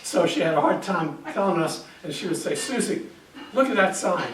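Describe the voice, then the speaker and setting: Sitting high and expressive at a normal speed, this older man's voice comes through a noisy, echoey recording with the mic well away from him. Born in Hungary, he's a guest speaker at a library meeting room, chatting informally over slides and frequently asking "okay?".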